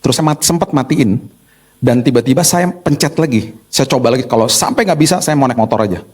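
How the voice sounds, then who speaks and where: A male pastor delivers a sermon in a chatty, storytelling manner. His voice is husky, and he talks at a brisk clip. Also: medium pitch. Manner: storytelling, animated, conversational.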